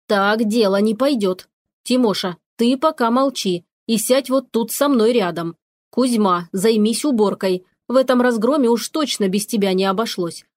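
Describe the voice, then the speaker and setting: Reading from a storybook, a woman voices a stern witch who is mistress of the house, scolding and barking orders. Her voice is a little high and darkish, at a moderate pace, close to an everyday voice. There's no echo.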